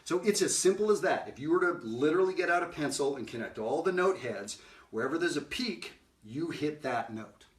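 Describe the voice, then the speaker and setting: A man's voice: mid-range voice, fairly bright tone, recorded from a distance. Man, middle-aged, jazz educator, casual lesson, sings examples, echoey room. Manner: conversational, sings note examples, frequent "right?". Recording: roomy sound from off-mic.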